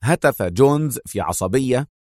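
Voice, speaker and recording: A man narrating a crime thriller audiobook in a steady, measured storytelling voice. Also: medium pitch, dry recording, clean studio sound.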